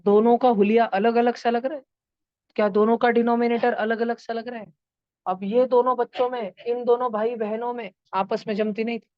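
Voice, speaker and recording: A woman teaches children math in an online class, playfully turning numbers into story characters and acting out their lines in different voices. Her voice is a little high and steady at normal speed, with no echo and a lo-fi sound.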